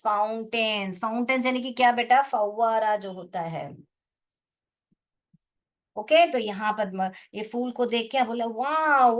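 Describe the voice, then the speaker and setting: A woman who speaks Hindi as her first language, with an Indian English accent, teaching an English lesson to young pupils. She spells words out slowly, repeats key words and keeps asking the class questions. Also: a little high, fairly bright tone.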